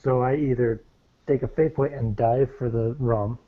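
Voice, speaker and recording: A man's voice: mid-range voice, steady tone, moderate pace, phone-quality sound, heavy background noise. A man playing a tabletop game, wry and joking. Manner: wry, joking, swears casually. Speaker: player. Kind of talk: casual tabletop game play.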